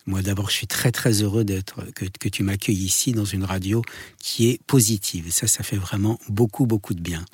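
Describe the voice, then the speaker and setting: Interview guest: man, middle-aged, French accent. Dry close sound, somewhat low voice, halting conversational explanations with repeated words. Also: fairly even intonation, a little mellow, husky, no room sound.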